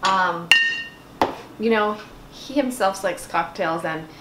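A woman's voice: fairly low pitch, slow. A woman in her thirties talking through a home recipe in a chatty, candid way. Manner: chatty, candid, self-deprecating. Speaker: home cooking vlogger. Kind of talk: casual kitchen vlog. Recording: echoey room with background noise.

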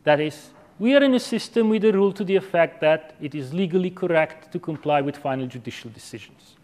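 A man in his thirties giving an academic lecture in a measured, didactic way, checking in with short tag questions. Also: fairly high pitch, animated, darkish tone. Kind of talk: academic lecture, philosophical argument. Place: university lecture room with chalkboard. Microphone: clip-on lapel microphone.

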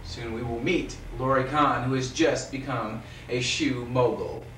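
A man's voice: medium pitch, steady tone, a little slow, fairly bright tone. A man filming his own birthday home video, giving wry, teasing running commentary to the camera, heard through old camcorder audio. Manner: wry, teasing, keeps saying groovy. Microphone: built-in camcorder mic. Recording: hissy, echoey old camcorder audio from a distance.

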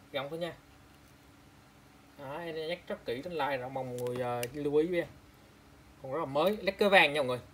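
A man from Vietnam with a slightly high voice talks casually to his viewers while showing off frames. He repeats prices and measurements often and keeps calling out to the audience. A faint room ambience sits under his voice. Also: a little hiss or hum. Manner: chatty, repeats prices and specs, calls out to viewers. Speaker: online seller of used eyeglasses. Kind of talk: casual product showcase.

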